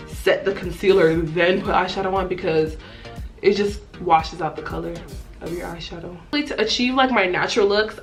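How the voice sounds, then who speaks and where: A young woman giving a casual, chatty makeup tutorial in a playful, self-deprecating way. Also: on the low side. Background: music.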